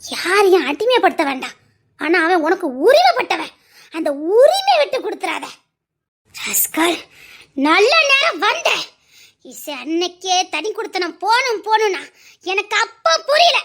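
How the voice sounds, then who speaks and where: A woman playing a very high-voiced bitter abandoned wife. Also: sing-song, normal speed, fairly bright tone, exaggerated voice. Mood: urging. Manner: emphatic, lecturing, repeats her warnings. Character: bitter abandoned middle-aged wife, forceful adviser. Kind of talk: Tamil serial drama acting.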